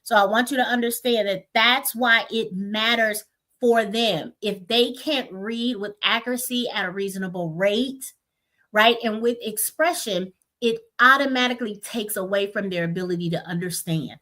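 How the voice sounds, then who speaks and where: A woman's voice: mid-range voice, normal speed. A woman hosting a weekly parent webcast, teaching in a casual, emphatic way and often checking in with listeners. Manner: lively, emphatic, checks in with "right?" and "y'all".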